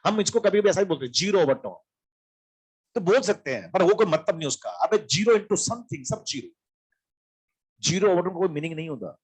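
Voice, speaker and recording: Husky male teacher, fairly high voice, lecturing with repeated questions and answers. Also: lively intonation, fairly quick, long pauses. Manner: asks questions and answers them himself, repeats key terms. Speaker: physics teacher. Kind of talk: classroom lecture.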